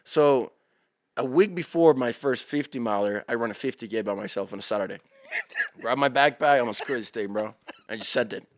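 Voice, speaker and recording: Slangy, animated man telling stories. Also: medium pitch, a little fast, no echo, studio quality. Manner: animated, slangy, calls listeners bro and dude. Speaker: podcast guest, endurance athlete. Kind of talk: casual storytelling chat.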